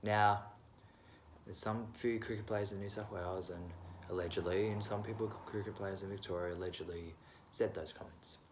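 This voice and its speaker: A man's voice: low-pitched, steady tone, moderate pace, slight background noise. A young man vlogging at home, giving his candid opinions in a rambling, self-deprecating way. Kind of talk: casual opinion monologue.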